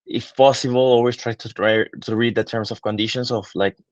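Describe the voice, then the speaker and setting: Speaking fairly quickly in a steady, mid-range voice, a man from Peru in his 20s, a digital marketing consultant, thoughtfully answers interview questions with lots of fillers and restarts. The sound has no echo but is dull.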